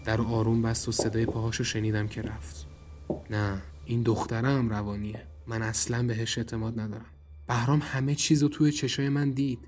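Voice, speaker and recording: A man's voice: medium pitch, little pitch movement, darkish tone. A man narrating a horror audio drama in the first person and speaking his own character's lines in a tense, wary way. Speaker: narrator and writer.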